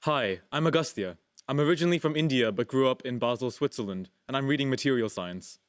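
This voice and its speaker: Hesitant fast young male contestant. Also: mid-range voice, animated, smooth. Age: young adult. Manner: hesitant, soft. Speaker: quiz contestant. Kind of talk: casual team conferring. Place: TV studio.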